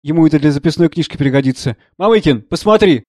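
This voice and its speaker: A man's voice: on the high side, animated, fast, darkish tone, no echo. A man playing a strong, insolent bully, sneering, condescending, dry close sound. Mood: mocking. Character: burly, mocking, insolent man.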